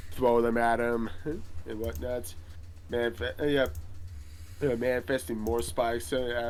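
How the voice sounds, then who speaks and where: A man's voice: mid-range voice, a little hiss or hum, lightly acted. A man playing a rambling veteran magic hero. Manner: rambling, hesitant, full of filler words. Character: boastful veteran male magic hero, middle-aged. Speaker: interview guest. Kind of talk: improvised role-play podcast interview.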